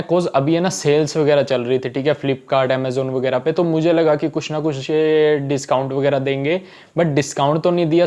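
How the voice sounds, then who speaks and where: A man's voice: a little high, darkish tone. A young man chatting casually in a home unboxing vlog, often checking in with "okay" as he goes. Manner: chatty, keeps saying "theek hai". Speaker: vlogger.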